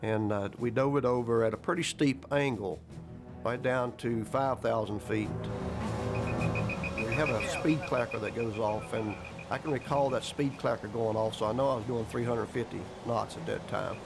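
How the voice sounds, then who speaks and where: Over background music, an airline captain recalls events for a documentary interview, speaking plainly and matter-of-factly with folksy grammar. His gravelly voice is medium-pitched and moves at a moderate pace.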